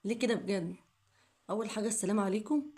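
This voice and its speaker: Young woman, Egyptian Arabic accent, emotional vlog, upset, repetitive pleading, rapid delivery. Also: medium pitch, a little mellow. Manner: upset, repeating herself, pleading questions. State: coughing fits, upset. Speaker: vlogger.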